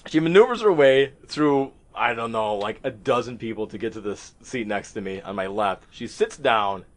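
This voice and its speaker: A man's voice: mid-range voice, expressive, normal speed. A man hosting a podcast, telling a story among friends in a casual, profane, self-mocking way.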